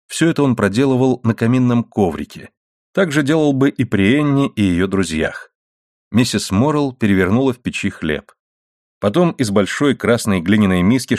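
A man's voice: lowish voice, dry recording. Man narrating a novel, dry sound. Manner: steady, even storytelling. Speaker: audiobook narrator.

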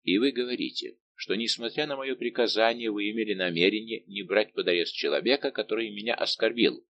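A man's voice: on the low side, fairly quick, fairly bright tone, lo-fi sound, slight background noise. A man reading an audiobook, voicing a haughty young king who questions and rebukes with indignation. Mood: indignant. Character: haughty young male king, imperious and angered.

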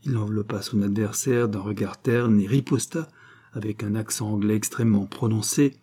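Male narrator, husky, mellow, expressive reading. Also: on the low side, moderate pace. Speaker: audiobook reader. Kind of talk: scripted narration of a novel.

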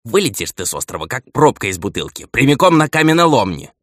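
A man's voice: mid-range voice, big pitch swings, quick pace, fairly bright tone, no room sound, studio quality, pitched above the performer's own voice. A man reading the part of an old steward who nags and lectures a younger man, in an audiobook. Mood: scolding. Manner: nagging, lecturing elder. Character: old male steward, stern, patient, scolding.

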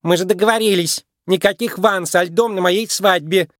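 A man's voice: high-pitched, expressive, normal speed, fairly bright tone, no room sound, studio quality, voice pushed up. A man voicing a tiny young female shrew bride, spoiled and sweet, with a chirpy manner in a storybook reading.

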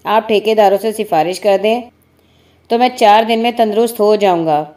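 A fretful, injured laborer man pleads in a low, mellow storybook voice, as a woman narrator puts him on. He sounds whining and put-upon, and his pitch stays in an ordinary middle range. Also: lightly acted. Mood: pleading.

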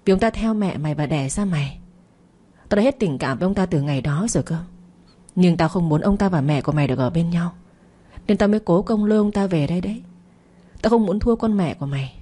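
A woman's voice: fairly low pitch, dark tone, slightly rough. A woman narrator voicing a scheming, cruel middle-aged stepmother who talks in a mocking, scornful way in a storytelling audio drama.

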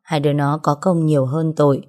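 A woman's voice: low-pitched, little pitch movement, brisk, darkish tone, natural voice. A woman voicing an older male gang advisor who speaks in a soothing, persuasive way. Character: older man, calm gang elder advisor.

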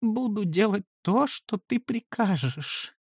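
A spoiled young elf wheezes and stammers in a hoarse, whiny voice, as a male audiobook reader puts him on. The pitch sits above the reader's own, and the sound is close and dry. A storybook bully brought low. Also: animated, takes it slowly, no room sound, heavily acted. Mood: whimpering. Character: arrogant young male elf, cowed and whimpering.

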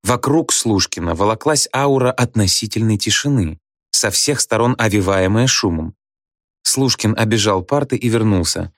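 A man reading a story aloud as an audiobook narrator, in an even, wry storytelling manner. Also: fairly low pitch, normal speed, dry recording, studio quality. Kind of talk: scripted narration.

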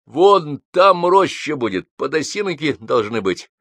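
A man's voice: fairly high pitch, very animated, unhurried, a bit bright, dry recording, pitched above the performer's own voice, exaggerated voice. A male reader voicing a bossy, insistent neighbor in a raised, folksy voice for an audiobook. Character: pushy loud middle-aged male neighbor.

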